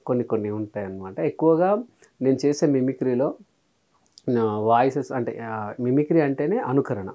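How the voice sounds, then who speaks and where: A man's voice: mid-range voice, highs cut off. A man in his thirties, a comedian and mimicry artist, telling stories as an interview guest. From Telangana, India. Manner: lively storyteller, quick, acts out quoted lines. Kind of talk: casual interview chat.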